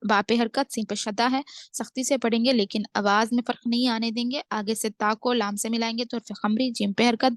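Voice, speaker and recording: A woman with an Indian Urdu accent teaching tajweed, explaining the rules step by step and reciting verses in slow, drawn-out phrases. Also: a little high, no echo. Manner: methodical, drawn-out recitation between brisk explanations. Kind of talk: tajweed lesson, explaining then reciting slowly.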